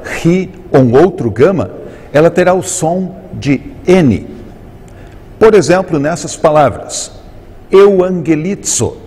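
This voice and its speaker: A man with a Brazilian Portuguese accent teaching Greek in a recorded lesson, explaining terms slowly and carefully and drawing out each Greek word. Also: on the high side, darkish tone, husky. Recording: long reverb on the voice.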